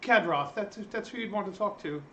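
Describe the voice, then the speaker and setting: A man's voice: high voice, expressive, fairly quick, pushed and bright. A man voicing a frightened, flustered female servant who stammers nervously in a tabletop game. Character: frightened, flustered female servant guarding her master's door. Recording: echoey room, faint noise.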